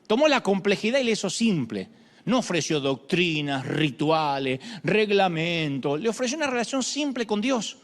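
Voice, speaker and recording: A middle-aged man preaching a sermon, dramatic, moving from shouts to hushed lines, with humorous asides. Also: high-pitched, sing-song, normal speed, in a large hall.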